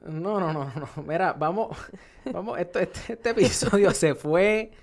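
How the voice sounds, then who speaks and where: A man hosting a podcast in casual chat. He talks in an animated, rambling way and laughs often. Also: high-pitched, measured pace, creaky. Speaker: podcast host.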